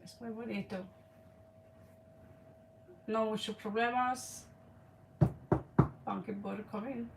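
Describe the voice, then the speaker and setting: A slightly tired woman giving an informal card reading in halting, Spanish, searching for words. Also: a little high, steady tone, creaky. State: a little tired. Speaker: tarot card reader. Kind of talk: casual, informal one-on-one reading. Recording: distant mic with faint background noise.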